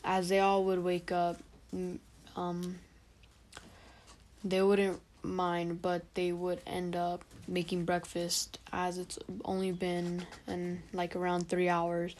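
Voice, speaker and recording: A young woman improvising a fan story aloud. Her telling is rambling and halting, with many fillers. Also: fairly low pitch, monotone, a little mellow.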